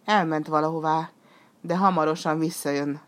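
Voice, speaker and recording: A woman voicing a gentle, protective young girl in a storybook reading, urgent and pleading. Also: deep voice, fairly even intonation, lightly acted. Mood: worried.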